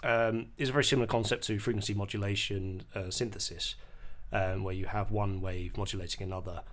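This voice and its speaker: A low-voiced music producer records an unscripted software tutorial as voice-over on a screen recording. His tone is steady and fairly bright, but he's hesitant, explaining things while pausing mid-sentence.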